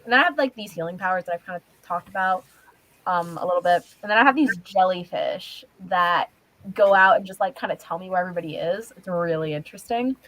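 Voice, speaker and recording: A woman's voice: lowish voice, a little fast, a bit bright, no echo, rough recording. A woman cosplayer answering questions in character on a livestream, rambling with lots of fillers and hesitations. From Australia.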